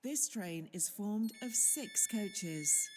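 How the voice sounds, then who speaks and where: A woman's voice makes a train station loudspeaker announcement, slow and measured, each stop read out in an even tone. It rings out with a long hall reverb over a faint background hiss. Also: medium pitch. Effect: platform loudspeaker train announcement. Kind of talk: recorded public announcement.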